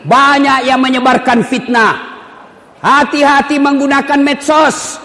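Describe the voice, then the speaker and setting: A man's voice: very high-pitched, steady tone, measured pace, sharp tone. A man preaching a humorous sermon, joking and bantering with the congregation. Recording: echoey hall with faint background hum.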